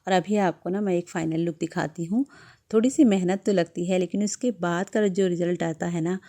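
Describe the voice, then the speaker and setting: A woman narrating her home vlog as a voice-over in a gentle, chatty manner, giving homemaking advice to her viewers. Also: fairly low pitch, normal speed. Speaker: homemaking vlogger.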